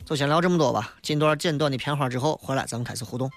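A man's voice: medium pitch, very fast, over loud music. A man with a Shaanxi dialect accent hosting a comic talk radio show, delivering a wry, joking monologue that mocks common misconceptions. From Shaanxi, China.

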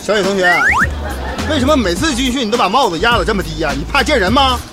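A man's voice: sits high, expressive, quick pace. A man playing a stern, mocking drill instructor in a comedy skit, barking out drill commands and scolding. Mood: slyly mocking. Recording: loud music and crowd noise behind.

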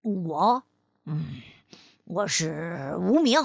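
A woman voicing a big male tyrannosaurus in a children's storybook, slow and hesitant, gruff but softening. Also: fairly low pitch, very animated, dry recording, studio quality, full character voice. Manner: slow, hesitant with ums and pauses.

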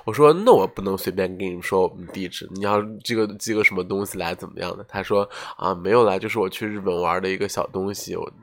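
A man's voice: low voice, fast talker, few pauses. A young man hosting a casual podcast chat, telling a story and acting out the quoted lines. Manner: animated storyteller, acts out quoted dialogue. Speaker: podcast host.

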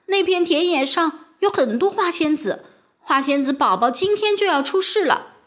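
Read by a woman, an earnest young girl from a children's storybook, high-voiced and swinging easily between eager and upset. Her lines bounce with a lively, singsong lilt, impulsive yet sincere at heart. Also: moderate pace.

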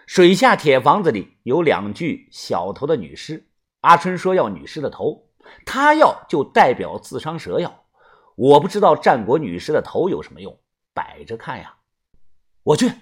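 Male audiobook narrator, husky, highly animated pitch. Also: moderate pace. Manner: animated first-person tomb-raiding tale telling. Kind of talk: audiobook storytelling.

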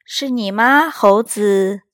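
A woman voicing a cheerful, friendly patchwork elephant in a children's story, with bright, animated exclamations. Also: medium pitch, slow pace, dry recording, clean studio sound.

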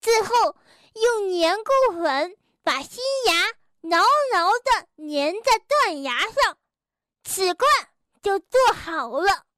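A woman's voice: very high-pitched, animated, slow, fairly bright tone, no echo, clean studio sound, voice pushed up, full character voice. A woman voicing a cheerful, proud male beaver dentist in a children's storybook, speaking in a bouncy, beaming way. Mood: explaining. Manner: bouncy, beaming, rhyming patter.

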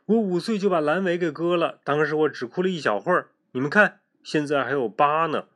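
A man voicing a loud, blunt schoolboy who boasts to his classmates. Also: fairly high pitch, a little fast, pitched above the performer's own voice, natural voice.

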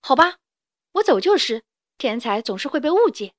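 Storybook part: brash young rooster, loud crowing, high and bright, read by a woman. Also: sing-song, moderate pace, no echo. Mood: boastful. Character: young male rooster, cocky would-be singer.

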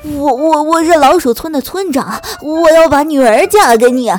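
A woman's voice: high-pitched, moderate pace, soft background music, voice pushed up, lightly acted. A woman voicing an old male mouse village chief in a children's storybook tale, stammering and eager. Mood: eager pleading. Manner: stammering, pleading.

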